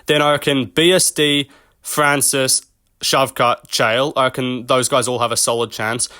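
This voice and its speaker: A man's voice: mid-range voice, steady tone, measured pace, pushed and bright, smooth, no echo, studio quality. A young man hosting his own channel, riffing in a casual off-the-cuff commentary style. He rambles, swears freely and chuckles at his own jokes. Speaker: MMA commentary channel host.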